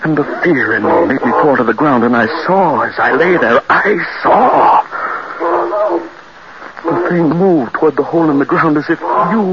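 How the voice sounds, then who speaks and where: An actor playing a horror-stricken man haunted by his wife's death, in the gasping style of 1940s radio acting, on a muffled old radio recording with loud hiss. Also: a little high. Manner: gasping, feverish, swings from gruff to frantic shouting. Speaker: lead in a radio horror play.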